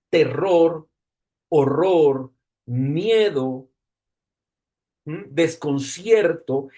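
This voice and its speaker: A man preaching a sermon in an animated way, slowing down for emphasis and acting out the people he quotes. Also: a little high. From Colombia. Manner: animated, acts out quotes with dramatic slow emphasis.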